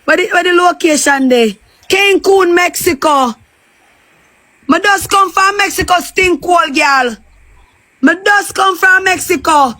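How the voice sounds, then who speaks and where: A woman with a Jamaican accent shouting crude, repetitive taunts in a heated live-stream argument. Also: extremely high pitch, unhurried, no echo.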